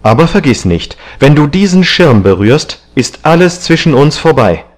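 A man's voice: lowish voice, lively intonation, a little slow, warm tone. A man reading an audiobook, voicing a vain, agitated young man who talks in a heated, raised voice. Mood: furious.

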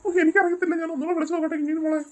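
A woman's voice: extremely high pitch, little pitch movement, rapid-fire. A woman voicing an anxious father searching for his daughter in a cartoon, calling out and worried. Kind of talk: cartoon voice acting.

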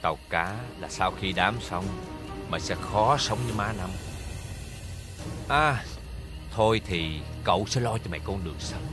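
An actor playing an arrogant, abusive eldest son in a TV drama, with a Southern Vietnamese accent and a harsh, bullying manner. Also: male voice, deep voice, natural voice. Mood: leering. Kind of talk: TV drama acting. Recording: music playing behind.

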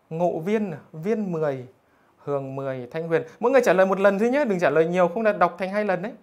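A man's voice: high voice, fairly quick, a little mellow. Teasing man teacher. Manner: teasing, jokey, keeps asking "được chưa?". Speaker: math teacher. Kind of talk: online livestream lesson, reading out scores.

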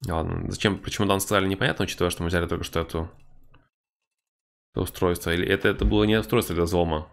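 A man's voice: low-pitched, steady tone, racing, creaky. A man giving casual, wry commentary on a horror game playthrough, with mock-tough banter. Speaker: game streamer.

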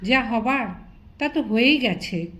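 A woman's voice: fairly high pitch, lively intonation, unhurried, fairly bright tone. A woman reading the part of a proud, angry old male landlord in a storybook narration, stern and indignant. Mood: humble.

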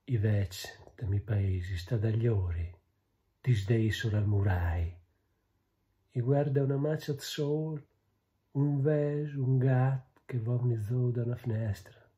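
A man in his fifties reads verse in Romagnol Italian dialect. His voice is very dark and soft-edged, the delivery is unhurried, and the webcam sound is slightly dull. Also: medium pitch. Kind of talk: poetry reading. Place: small plain room, indoors.

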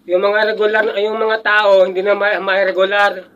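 A man's voice: high-pitched, level tone, normal speed, a bit bright. An older man in casual chat, rambling and reminiscing with chuckles and frequent restarts. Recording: muffled lo-fi audio.

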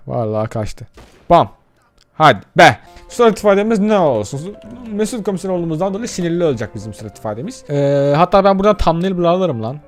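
A man doing excitable let's-play commentary, chatting straight to his viewers and cursing casually at the game. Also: mid-range voice. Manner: addresses viewers directly. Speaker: gaming YouTuber.

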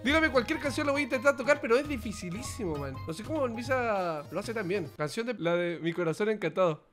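Chilean guy reacting, slangy and excitable. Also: sits high, fast talker. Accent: Chilean Spanish. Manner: excitable, laughs often, slangy. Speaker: reaction streamer. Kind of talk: casual reaction commentary. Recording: music playing loudly underneath.

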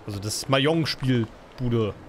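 A man's voice: medium pitch, a little slow, background noise. A man casually commenting on his gameplay as a let's play host, muttering and rambling with many fillers.

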